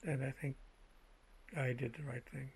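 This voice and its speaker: A man speaking in a measured, halting way with a gravelly, husky voice, telling personal anecdotes in a casual monologue. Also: mid-range voice, steady tone, slight background noise, low-quality recording. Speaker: vlogger telling personal stories.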